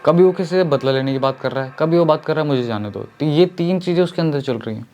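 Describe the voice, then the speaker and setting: A man's voice: a little high, quick pace, darkish tone, muffled recording, a little hiss or hum. A man telling a horror story in a casual, chatty way, speaking to his listeners as friends. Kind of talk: casual spoken horror narration.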